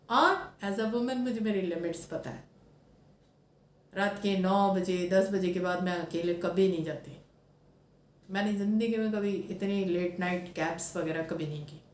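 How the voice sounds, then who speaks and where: A woman's voice: medium pitch, reverberant, a little hiss or hum. A woman in her thirties giving an earnest, reflective personal talk as a spiritual speaker, slipping English phrases into her speech.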